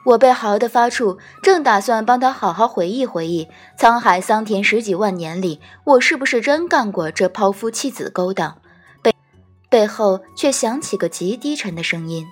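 A woman narrating a first-person fantasy audiobook, gentle and wry. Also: medium pitch, animated, moderate pace, soft background music. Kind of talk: scripted storytelling narration.

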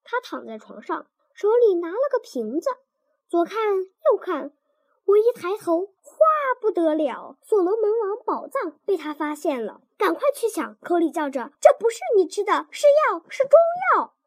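A woman tells a first-person story aloud with playful, animated delivery. Her voice is high and swings widely in pitch. The sound is dry and close, with faint music underneath. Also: normal speed, no echo. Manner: animated, playful voicing of scenes. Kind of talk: expressive story reading.

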